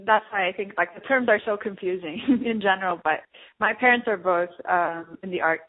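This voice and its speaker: A woman's voice: mid-range voice, fairly quick. Woman from Turkey, phone-thin interview. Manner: reflective, with frequent fillers and soft laughs. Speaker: artist and guest. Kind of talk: casual interview answers. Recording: narrow phone-like sound.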